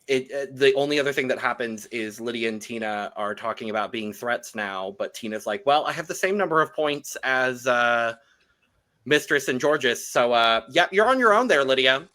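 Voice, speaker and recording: Bright-voiced chatty male podcast host. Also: mid-range voice, expressive, normal speed. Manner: laughs often, loose and chatty. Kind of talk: casual chat.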